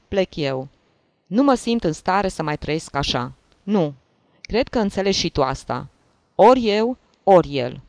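An anxious, easily wounded gentleman from a classic story, voiced by a reader. He pleads and protests in a wavering voice that leaps upward on key words. The recording is dry and close, with no room sound. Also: mid-range voice, dry recording. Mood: indignant. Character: anxious, touchy middle-aged gentleman. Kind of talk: audiobook reading of a classic story.

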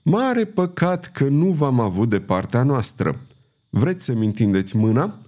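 A man's voice: medium pitch, very animated, a little mellow, lightly acted. A man voicing an agitated, overwrought male swordsman in an audiobook reading. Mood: impassioned. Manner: exclaiming, shaken.

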